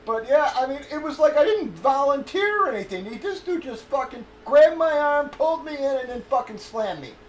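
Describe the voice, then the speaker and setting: Man, high-pitched, casual rambling chat, cursing, echoey room, faint background hum. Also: animated, fairly quick, few pauses. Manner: profane, storytelling, trails off searching for names. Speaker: streamer.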